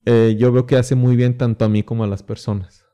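A man who is a priest, speaking as a podcast guest in casual chat, relaxed and laughing often. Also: mid-range voice, fairly quick, smooth.

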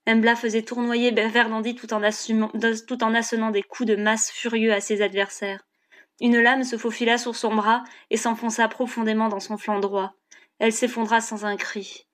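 A woman narrating an audiobook chapter in a steady, measured reading. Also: on the high side.

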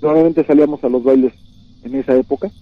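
A man, a caller on a radio show, earnestly telling a personal story with halting restarts. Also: medium pitch, steady tone, no room sound. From Mexico. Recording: muffled radio audio, faint music.

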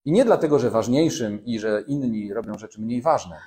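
A man's voice: mid-range voice, lively intonation, normal speed, mellow. A man preaching a sermon in a conversational way, talking directly to his congregation and reading scripture aloud. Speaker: pastor.

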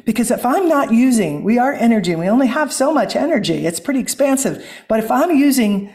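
A woman's voice: fairly high pitch, big pitch swings, a little fast, a little mellow. A woman from Missouri with a Midwestern American accent, a guest and author speaking earnestly and reflectively in a conversational interview. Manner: earnest, flowing, spiritual.

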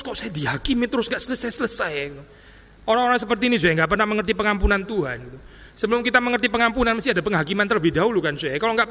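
A man's voice: high voice, bright, forceful tone. A male preacher giving an expository sermon in a conversational way, often addressing listeners directly and slipping in English phrases. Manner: conversational, mixes English phrases, repeats "saudara". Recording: long reverb of a hall.

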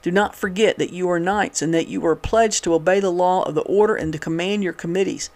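An earnest male orator from the old labor movement, begging an angry crowd for calm in a loud, imploring voice, as a man reading a newspaper story puts him on. His tone sits high and presses forward with feeling. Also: moderate pace. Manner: louder and raised in pitch, earnest and imploring. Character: impassioned male labor orator pleading with a mob.

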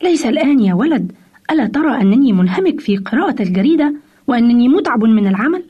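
A woman's voice: fairly high pitch, animated, quick pace, breathy edge. A woman voicing a tired, irritated father who scolds his little son sharply and impatiently, on a dull lo-fi radio recording.

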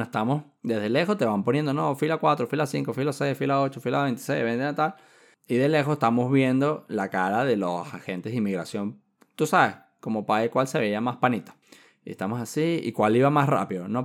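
A man from Venezuela with a Venezuelan Spanish accent, hosting a podcast and telling a travel story casually, acting out scenes with sound effects and voices. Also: medium pitch. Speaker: podcast host.

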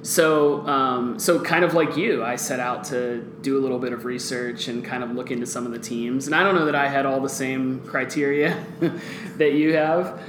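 A relaxed man who grew up in Guatemala tells his stories at an easy pace, dropping in plenty of "um"s. The echoey boardroom around him carries a layer of steady noise. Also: medium pitch, moderate pace. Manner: relaxed storyteller, many fillers like "um". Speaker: podcast guest. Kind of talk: casual podcast chat. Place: office boardroom. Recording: echoey room with background noise.

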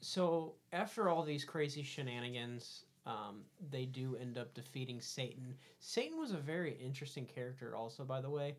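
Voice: medium pitch, lively intonation, moderate pace, hardly any pauses. A podcast co-host casually retelling a movie's plot, rambling with "um" and "like". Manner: laid-back, rambling with um and like. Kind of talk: casual chat reviewing a movie.

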